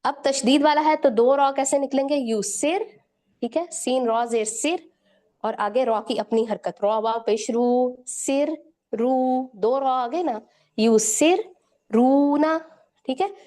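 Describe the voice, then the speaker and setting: A woman teaching Quran recitation rules, patiently spelling out letters and repeating each word slowly, often checking in with her students. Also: sits high, darkish tone. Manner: frequent checking "theek hai". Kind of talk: step-by-step recitation lesson.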